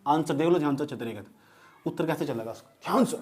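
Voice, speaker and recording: A man's voice: on the high side, very fast, darkish tone. A man teaching physics to a class in a casual, joking lecture style, often checking whether the students have understood.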